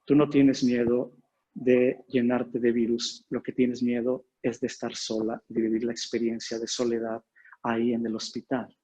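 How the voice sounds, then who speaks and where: Husky, mellow-voiced male therapist. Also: mid-range voice, flat delivery, rough recording. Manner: measured, explanatory, reads passages aloud. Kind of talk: spiritual talk with case examples.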